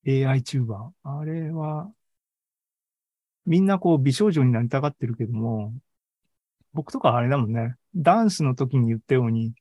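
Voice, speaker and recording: Over a live online video meeting from indoors, the presenter of an AI seminar and podcast delivers a casual tech talk, thinking out loud and repeatedly checking for agreement with sentence-end tags. He has a mellow, mid-range voice with lively intonation at a moderate pace, with no room sound.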